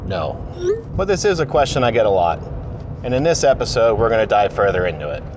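His voice on the low side, very animated and a little fast, a man in his late thirties who's an apprentice aircraft mechanic chats to the camera on his dashboard for a casual commute vlog. He's plain-spoken, direct and encouraging. Car and road noise are plainly audible in the recording.

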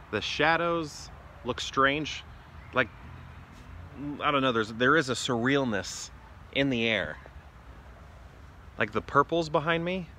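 Out in a residential backyard with a phone at arm's length, a middle-aged man narrates a casual vlog about watching the sky amid noisy surroundings captured as clear outdoor ambient sound. His medium-pitched voice is pushed and bright, and he muses tentatively, trailing off mid-thought.

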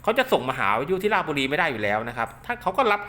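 A man's voice: fairly high pitch, very animated, racing, bright, forceful tone. A man giving an informal hands-on product demonstration, explaining in a repetitive way with frequent polite tags. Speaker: product demonstrator and maker of radio link cables. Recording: clear background noise.

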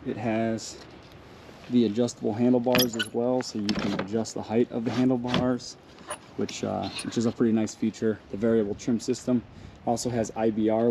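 A man giving a casual vlog update, rambling with many ums and uhs, recorded outdoors and then in his truck. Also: medium pitch. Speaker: vlogger. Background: outdoor noise, rain.

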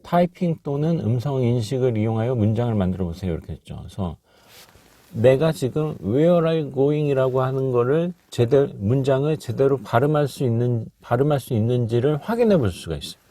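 A man teaching English in a casual podcast lesson, halting with many fillers and slowly repeating practice phrases. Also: mid-range voice, animated, mellow, no room sound.

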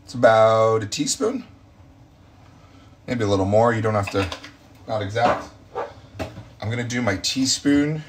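A man's voice: fairly low pitch, expressive, unhurried, long pauses, slight background noise. A man hosting a casual cooking demonstration from his home kitchen, chatty and campy, cracking self-mocking jokes as he works. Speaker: home cooking show host.

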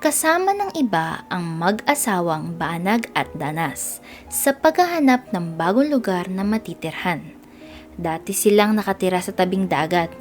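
A woman with a Filipino accent reads a scripted children's storybook aloud, using an expressive read-aloud style in a medium-pitched voice.

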